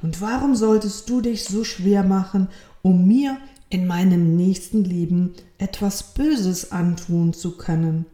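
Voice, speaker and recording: A woman's voice: medium pitch, a little slow, mellow, close to an everyday voice. A woman doing an eager little soul. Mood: wondering. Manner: eager, wondering, impatient. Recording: roomy echo.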